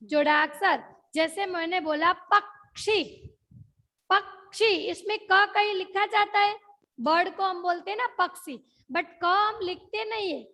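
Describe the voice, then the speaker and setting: A woman's voice: extremely high pitch, normal speed, bright, forceful tone. A young woman with a Gujarati accent teaching an online class, mixing in English words and repeating questions to check that the children follow.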